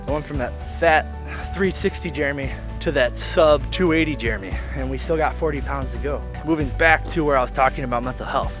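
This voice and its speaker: A young man recounts his own story to camera in a loose, candid vlog style, swearing freely and tossing in "right?" as he goes. His voice sits a touch high for a man. Faint music plays quietly underneath. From Illinois. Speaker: vlogger. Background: faint background music.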